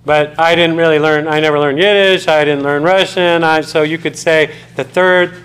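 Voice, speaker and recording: An American college lecturer gives a conversational classroom talk, loose with fillers and often putting questions to his students. His voice is a little high and fairly bright, with a steady tone and moderate pace, though the audio quality is poor.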